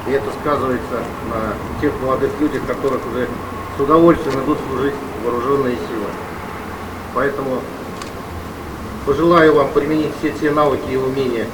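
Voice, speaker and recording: A man reads out a formal ceremonial address in a medium-pitched voice. The sound is echoey and slightly distant, with loud noise behind it. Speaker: official speaker at a ceremony. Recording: very noisy, echoey, distant recording.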